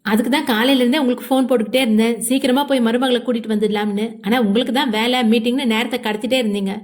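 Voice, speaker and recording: A woman voices a middle-aged mother-in-law in an audio novel, chiding her busy husband. Her pitch sits a little high. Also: fairly even intonation, very fast, natural voice.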